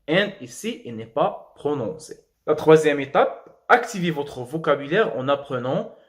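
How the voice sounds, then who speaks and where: A young man with a Moroccan accent teaching a French lesson, spelling letters slowly and drilling words, with quick asides in Arabic. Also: on the high side, big pitch swings.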